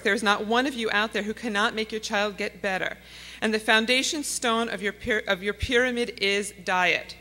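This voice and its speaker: A woman's voice: fairly high pitch, bright, forceful tone. A middle-aged woman giving an earnest, pleading speech to an audience in a conference hall. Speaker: conference speaker. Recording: long hall reverb.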